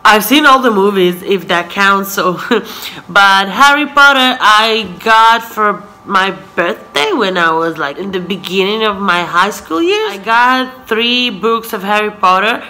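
A woman in her twenties from Israel, a native Hebrew speaker, talks at a measured pace in a mid-range voice that sounds pushed and bright, with rough recording quality. She's a vlogger on her living room sofa doing a casual Q&A, laughing often and saying "so yeah," filmed by a camera close in front of her.

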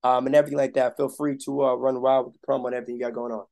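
A man's voice: mid-range voice, flat delivery, rapid-fire, vocal fry, a little mellow. A man in his thirties hosting a podcast interview over a video call, talking in an easy, affirming way. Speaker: podcast host. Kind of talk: casual interview chat.

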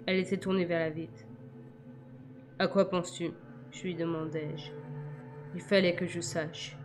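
A woman reads a novel aloud in a measured, quiet first-person narration. Her voice sits on the low side for a woman. Soft music plays faintly in the background. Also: flat delivery. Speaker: audiobook reader.

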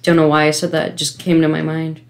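A woman giving let's-play commentary from her home computer setup, frustrated, pleading with the game and breaking into sudden gasps and yells. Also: deep voice, monotone, fast talker. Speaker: gamer.

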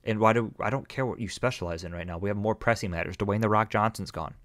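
A man's voice: fairly low pitch, fast talker, a bit bright, no room sound, studio quality, close to an everyday voice. A man reading a bossy young gym leader. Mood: impatient. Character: brisk impatient young woman gym leader.

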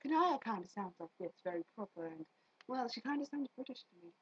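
A young woman, an amateur vlogger doing character voices, jokes around with a friend in a playful, sweary way, her slightly high voice swinging widely in pitch, fast and a bit breathy. She's in a small bedroom at home, picked up by a computer webcam mic at arm's length, giving dull lo-fi audio.

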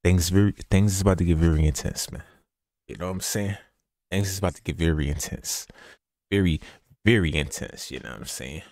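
Young male streamer, lowish voice, casual slang-heavy hype patter, dry sound. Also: fairly quick, a little mellow, dry recording. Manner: laid-back slangy hype talk, repeats phrases. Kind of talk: casual live gameplay commentary.

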